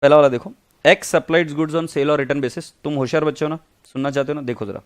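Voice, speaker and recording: An Indian man with a slightly high voice teaches an online accounting lecture. He reads the textbook English slowly and switches to quick, chatty Hindi asides. He calls his students "beta" as he explains. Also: fairly even intonation.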